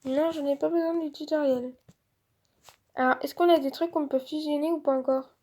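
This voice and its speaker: A woman's voice: high-pitched, fairly even intonation, normal speed, dark tone. A woman giving casual let's-play commentary, chatty and thinking aloud with lots of filler words.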